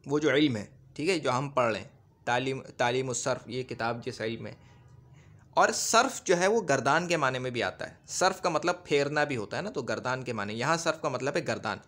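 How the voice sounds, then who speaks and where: A man's voice: medium pitch, expressive, a little fast, fairly bright tone. A man teaching a grammar lesson, explaining patiently, repeating points and often checking that his listeners follow. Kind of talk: classroom grammar lecture.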